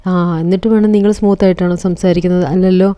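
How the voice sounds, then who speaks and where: A woman voicing a young village wife who answers back with sharp, teasing retorts, in a retold TV serial. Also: lowish voice, level tone, rapid-fire, clear, resonant tone, natural voice. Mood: retorting.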